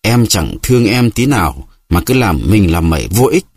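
A man's voice: on the low side, very animated, moderate pace, darkish tone, slightly rough, dry recording, studio quality. A man voicing a flustered husband who pleads and protests in exasperation. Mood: pleading.

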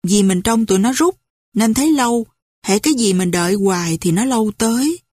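A woman voicing a young male fighter who speaks gently and reassuringly. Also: mid-range voice, lively intonation, fairly quick, no echo, clean studio sound, close to an everyday voice. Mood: gentle.

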